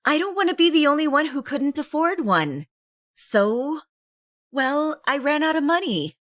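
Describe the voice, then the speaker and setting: A woman voicing a lively young woman, a student kid sister with a breezy, wheedling way of talking. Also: high-pitched, measured pace, no room sound, clean studio sound, voice pushed up, heavily acted. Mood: bright, wheedling.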